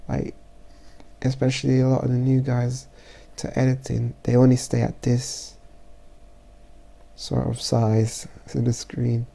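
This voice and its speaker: A man with a stuffy, congested voice narrating a casual photo-editing tutorial as he works, halting and thinking aloud. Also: mid-range voice, monotone, gravelly, warm tone. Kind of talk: casual software tutorial voice-over.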